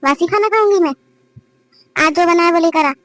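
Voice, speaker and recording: A woman's voice: very high voice, moderate pace, a bit bright, dry recording. A woman voicing a bossy, stingy older mother-in-law in a cartoon family drama, scolding and commanding.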